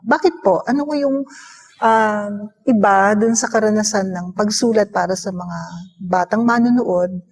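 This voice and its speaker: A woman's voice: medium pitch, a little mellow. A woman interviewer asking long, respectful questions and searching for the right words as she goes.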